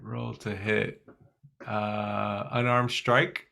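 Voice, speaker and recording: A woman's voice: rumbling low, extremely slow, gravelly. A woman playing in a tabletop game, chatting casually and laughing a lot. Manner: laughing, animated. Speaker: player.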